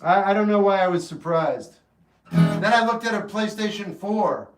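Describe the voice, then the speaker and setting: A man in his fifties hosting a livestream, chatting casually with viewers in a relaxed, rambling way that turns earnest when he gives advice. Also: sits high, normal speed. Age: 50s. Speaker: livestream host. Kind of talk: casual chat answering live chat. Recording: roomy echo, mic at a distance, faint guitar music.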